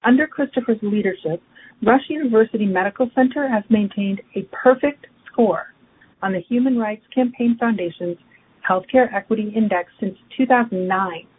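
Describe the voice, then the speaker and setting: A woman moderating a webinar, reading formal, measured speaker introductions. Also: medium pitch. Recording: tinny phone line with faint noise.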